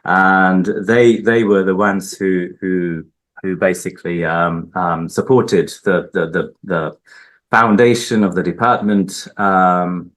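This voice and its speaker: A Hungarian linguist answers interview questions as a guest at a research institute building, speaking hesitantly with many fillers and restarts. His voice is low and fairly bright, with fairly even intonation and a slow pace.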